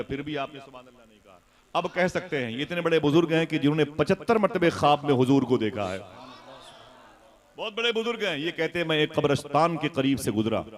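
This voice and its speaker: A man from India preaching a fiery religious sermon. He tells the story dramatically, builds to loud cries, and leads the crowd in call-and-response. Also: fairly high pitch.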